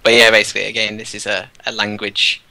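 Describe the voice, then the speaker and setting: A teacher appearing as a guest tours a game world while casually describing his classroom activities, relaxed and rambling with lots of fillers. He talks fast in a fairly low, creaky voice.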